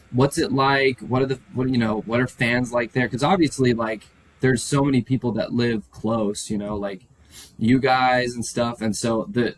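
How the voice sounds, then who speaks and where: A man's voice: medium pitch, husky, rough recording. A man chatting casually on a podcast, rambling through questions with fillers. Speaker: podcast co-host. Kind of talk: casual chat.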